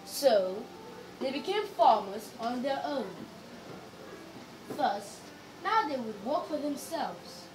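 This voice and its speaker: A young girl with a Nigerian accent reads a story expressively, stressing words with exaggerated, deliberate storytelling intonation. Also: high-pitched, animated. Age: child. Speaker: young reader. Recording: noisy, distant microphone.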